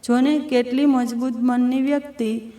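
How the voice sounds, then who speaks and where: An earnest, strong-minded woman opens up to a close friend in reflective, heartfelt words, voiced by a storybook narrator. Her voice is high-pitched. It echoes in a roomy space, picked up from a distance. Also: steady tone, unhurried, warm tone. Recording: roomy echo from a distant mic.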